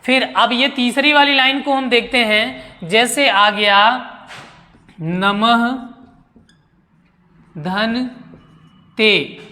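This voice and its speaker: A woman teaches a grammar lesson in a fairly high, bright voice. She asks her pupils questions, answers them herself, and repeats each key word deliberately. The sound rings with a long reverb. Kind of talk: classroom-style grammar lesson.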